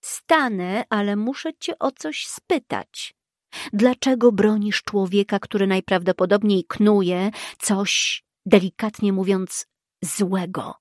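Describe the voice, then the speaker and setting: Woman doing a gruff threatening male assassin, slow and harsh, dry sound. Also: medium pitch, darkish tone, dry recording, close to an everyday voice. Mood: hostile.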